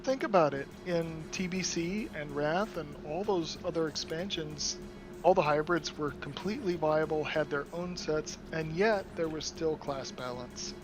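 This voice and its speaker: A man on a casual group voice chat, explaining in quick bursts while playing an online game. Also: fairly high pitch, music in the background. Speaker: gamer on voice chat.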